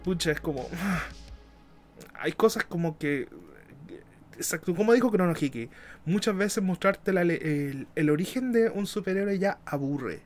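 A man's voice: sits high, lively intonation, normal speed, a little mellow, soft background music. A man from Chile with a Chilean Spanish accent, hosting a casual podcast chat, laughing often and trailing off mid-sentence. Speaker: podcast host.

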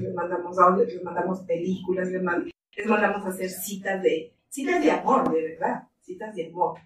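A woman's voice: mid-range voice, a little hiss or hum. A middle-aged woman in ministry, telling stories animatedly in an interview and laughing often. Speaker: ministry leader. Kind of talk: interview conversation. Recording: roomy, distant mic, faint ambience.

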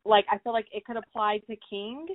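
A woman's voice: mid-range voice, steady tone, a little fast, no room sound. A woman co-hosting a casual book podcast, chatty and thinking aloud with lots of "like"s. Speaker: podcast co-host. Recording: tinny phone-like dry audio.

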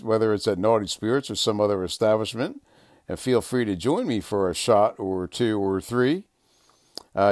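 An older man hosting a casual sports podcast, talking in a relaxed, rambling way with lots of "uh" fillers. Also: lowish voice, dry recording, clean studio sound. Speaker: podcast host.

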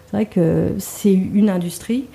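A woman with a warm, mellow voice tells her story at an easy conversational pitch. She laughs often and circles back on her words, restarting her sentences with plenty of fillers. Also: measured pace, creaky. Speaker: guest. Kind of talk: conversational interview.

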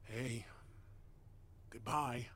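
An actor playing a menacing, cruel male stranger in an audio drama, talking in sly, mocking tones with whispers and soft laughs. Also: mid-range voice, steady tone, extremely slow. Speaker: villain. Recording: roomy echo with clear background noise.

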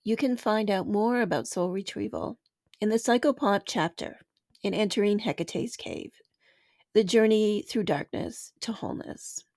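A woman hosting a spiritual podcast, talking in a soft, unhurried, reflective way that now and then sinks toward a whisper. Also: mid-range voice, dry recording, clean studio sound. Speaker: podcast host and spiritual teacher. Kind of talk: slow reflective podcast talk.

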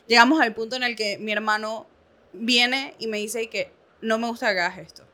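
A woman in her late twenties chatting casually with friends, telling anecdotes with plenty of laughter. Her voice sits a little on the high side and she tells her stories animatedly. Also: steady tone, normal speed, bright, forceful tone. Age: 20s. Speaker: guest friend. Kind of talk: casual chat among friends.

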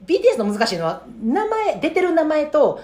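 A woman chatting in a broad Kansai accent, storytelling with lots of laughs. She talks quickly and her pitch swings about animatedly. The room adds a noticeable echo. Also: wildly swooping pitch, darkish tone. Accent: Kansai Japanese. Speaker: podcast co-host. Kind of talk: casual chat. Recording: roomy echo.

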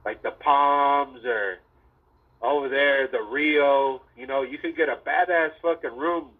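A man's voice: mid-range voice, fairly even intonation, a little slow. A man chatting casually like a frat bro, in loose slang with heavy swearing. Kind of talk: casual chat. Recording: tinny, narrow phone-like sound.

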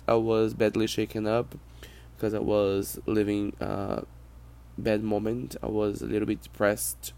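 This podcast host is a Brazilian man speaking English as a second language with a Brazilian Portuguese accent. His mid-range voice is mellow with some vocal fry. He hosts his personal podcast in a reflective, halting manner.

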